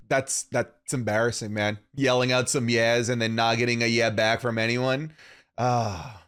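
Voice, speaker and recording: A man's voice: medium pitch, flat delivery, a little slow, a bit bright, clear, resonant tone. A young man hosting a podcast, easygoing and asking questions in casual chat. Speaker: podcast host.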